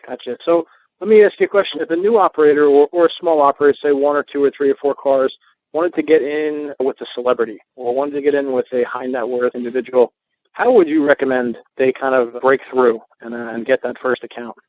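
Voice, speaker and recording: A man's voice: mid-range voice, steady tone, brisk, no room sound. A man hosting an interview, giving brief prompts and asking questions. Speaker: interview host. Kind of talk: podcast interview. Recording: phone-line sound.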